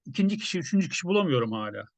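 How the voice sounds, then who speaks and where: A journalist commenting in a casual, conversational way, musing with many hesitations. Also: male voice, on the high side, big pitch swings, rapid-fire, no echo.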